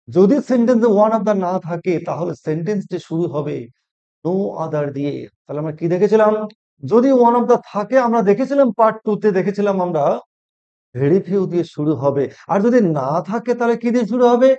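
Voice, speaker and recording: A man walks through a grammar lesson, explaining each step and answering his own questions. His voice sits high but has a mellow, darker tone. The recording sounds dull and muffled, like lo-fi audio. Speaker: English grammar teacher.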